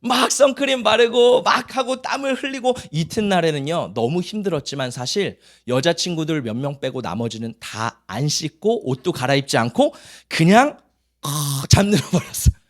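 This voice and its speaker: Man, pastor, sermon, high voice, very expressive pitch, acts out kids' lines. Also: moderate pace. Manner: animated storytelling, acting out children's voices.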